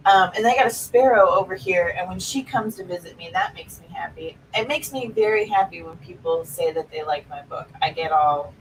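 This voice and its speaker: A woman's voice: mid-range voice, very animated, brisk, gravelly, few pauses, recorded from a distance, slight background noise, rough recording. A woman co-hosting a casual chat over a video call, rambling and hesitant with lots of fillers. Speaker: co-host.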